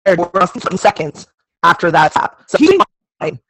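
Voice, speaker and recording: A man's voice: high-pitched, big pitch swings, normal speed, crowd noise. A man chatting casually over a video call, his voice breaking up into half-robotic glitches as he trails off mid-sentence. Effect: glitchy half-robotic audio over a video call. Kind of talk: casual chat.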